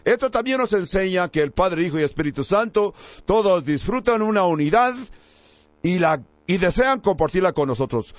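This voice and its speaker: A man's voice: expressive, normal speed, no room sound. Male preacher, emphatic sermon delivery, dry close sound. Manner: emphatic, rises in pitch on key words. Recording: dry, slightly dull recording.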